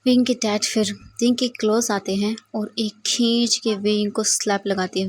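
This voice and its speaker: A woman retelling a fan fiction story in steady, plain narration. Her voice is breathy at a middle pitch. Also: no echo. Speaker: fanfiction storyteller.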